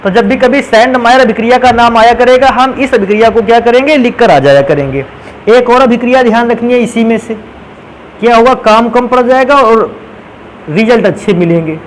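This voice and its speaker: A very high-voiced male chemistry teacher lectures briskly, referring to his students as "beta" and answering his own questions. The audio is poor, with slight background noise.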